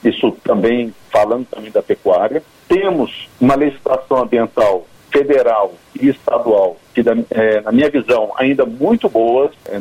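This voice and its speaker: A man's voice: medium pitch, darkish tone, husky, no echo, low-quality recording. A man with a Brazilian accent giving explanatory interview answers as a university professor.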